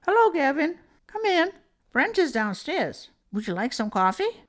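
A man's voice: very high voice, sing-song, unhurried, fairly bright tone, voice pushed up, full character voice. A man voicing a polite, motherly suburban woman in an audiobook. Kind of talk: audiobook character voice.

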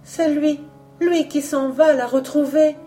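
A woman voicing an anxious young daughter, speaking high and pleading. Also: fairly even intonation, slow pace, mellow, faint music behind. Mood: anguished.

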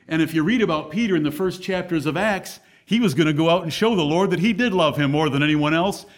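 Blunt preacher at a pulpit microphone. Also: male voice, on the high side. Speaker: pastor. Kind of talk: sermon.

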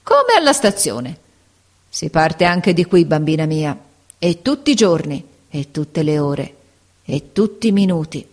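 A woman's voice: deep voice, very animated, a little slow, a little mellow, full character voice. A woman voicing a sinister, scornful middle-aged woman lying sick in a hospital bed, mocking and moaning in pain.

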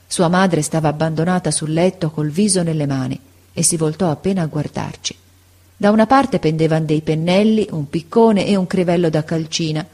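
A woman narrating a storybook in a measured, unhurried reading voice. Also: deep voice, darkish tone. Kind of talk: scripted audiobook narration.

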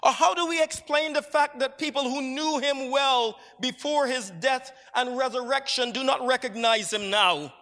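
A preacher from Barbados delivers a measured, reflective sermon in a high-pitched, bright, ringing voice. It carries a long reverb through the church sanctuary.

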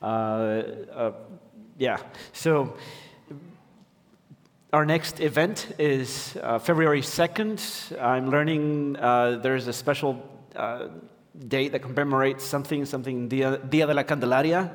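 A man's voice: mid-range voice, a little slow, in a large hall. A man from Ecuador preaching as a pastor, hesitant with many fillers and restarts. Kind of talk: sermon. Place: church sanctuary.

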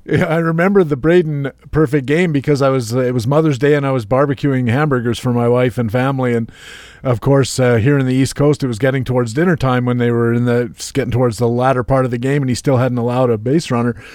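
A man hosting a radio talk show, telling an anecdote in a slow, deliberate way. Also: mid-range voice, steady tone, a little mellow, dry recording. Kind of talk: casual radio chat.

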